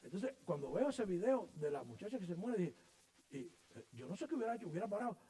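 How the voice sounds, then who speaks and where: A middle-aged man preaching a sermon as pastor of a church, his voice high and swinging widely up and down. He tells stories with animated energy, acting out the voices and sounds of the people in them. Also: quick pace.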